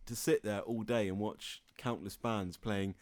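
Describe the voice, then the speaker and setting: A man's voice: lowish voice, fairly even intonation, measured pace, darkish tone, dry recording. A man hosting a local radio show in a studio, rambling and jokey, laughing often. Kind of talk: casual on-air chat and announcements. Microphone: studio microphone.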